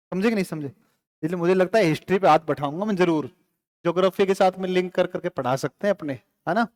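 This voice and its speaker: Male teacher, live classroom lecture, high voice, quick quizzing and banter. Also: darkish tone. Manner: quizzing students with quick questions and answers; casual, joking with the class.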